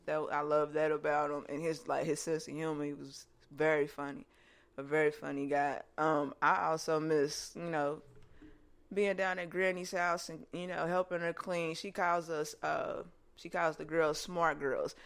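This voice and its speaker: A woman hosting a podcast, telling childhood stories in a casual, animated way and laughing often. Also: sits low, normal speed, vocal fry. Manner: animated, joking storytelling with lots of laughter. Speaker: podcast host. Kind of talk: casual chat, reminiscing.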